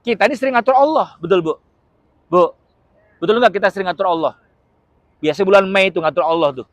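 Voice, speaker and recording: A man preaching to a live audience in a fairly high voice, swinging between jokes and earnest points. He keeps checking in with his listeners and throws in acted-out shouts. The sound is close and dry. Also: fast, no room sound. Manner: humorous, keeps asking the audience questions; acts out short dramatic quotes with shouts. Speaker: Islamic preacher. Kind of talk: lively religious lecture to a live audience.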